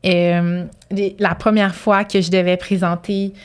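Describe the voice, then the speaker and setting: Flat-toned Québécois woman telling stories. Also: on the low side, a little slow, smooth. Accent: Québécois French. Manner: chatty, laughs often, trails off and restarts. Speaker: colorectal surgeon guest. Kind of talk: casual interview storytelling.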